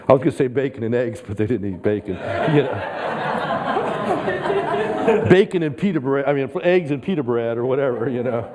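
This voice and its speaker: A man preaching a sermon as a guest speaker, in a casual, conversational way with frequent chuckles. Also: medium pitch. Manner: conversational, chuckling, animated when quoting Peter. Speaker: guest pastor. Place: church sanctuary. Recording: long reverb in a church hall.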